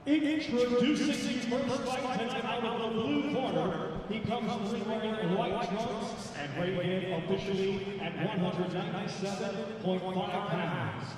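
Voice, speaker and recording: A male ring announcer making formal introductions over an arena loudspeaker. His booming calls come back as delayed, echoing repeats, and he stretches out the names. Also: steady tone. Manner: drawn-out, booming name calls. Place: large indoor boxing arena. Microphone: handheld mic through arena loudspeakers. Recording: echoey arena PA heard from far off. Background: loud crowd noise.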